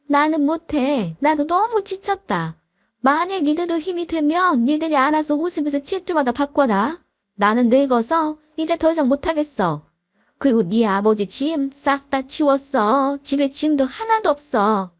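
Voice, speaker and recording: A woman voicing a shrill bossy elderly mother-in-law. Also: no echo. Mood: whiny demanding. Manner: scolding, shouting demands.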